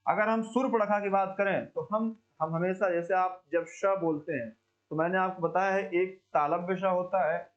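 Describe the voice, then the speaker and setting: A man teaching an exam coaching lesson, quizzing students and slowly repeating words to drill pronunciation, chatty and calling listeners brother. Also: high voice, steady tone, highs cut off. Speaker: Hindi teacher.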